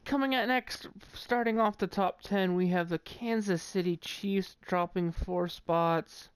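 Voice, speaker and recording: A man's voice: high voice, a little slow, clean tone, no echo. A man with a New England accent giving casual, opinionated sports commentary on his own, rambling and restarting sentences as he goes. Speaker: sports commentator ranking football teams.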